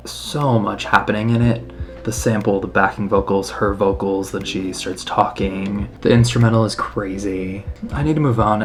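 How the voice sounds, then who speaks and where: A man giving casual, excitable reaction commentary on an album, emphatic and swearing freely. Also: fairly low pitch. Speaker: music reaction host. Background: faint music playing.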